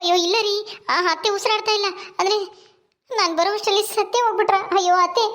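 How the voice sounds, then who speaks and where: A woman's voice: very high-pitched, fairly even intonation, fairly bright tone. Woman playing a fretful village daughter-in-law. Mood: anxious. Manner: anxious, fast and fussing. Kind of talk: village family drama skit.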